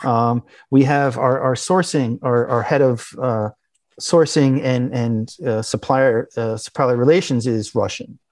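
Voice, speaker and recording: Man, interview guest; halting, filler-heavy delivery; middle pitch, dry room. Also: steady tone, darkish tone, no echo. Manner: halting, many restarts and fillers. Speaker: interview guest, business owner. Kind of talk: conversational interview.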